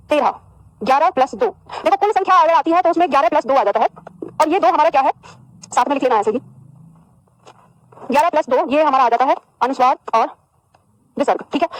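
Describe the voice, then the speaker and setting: A woman teaching a Hindi grammar lesson to a class, asking questions and answering them herself, and repeating phrases slowly for students to write down. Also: high voice, no echo, low-quality recording. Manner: addresses students as "beta", repeats phrases for dictation.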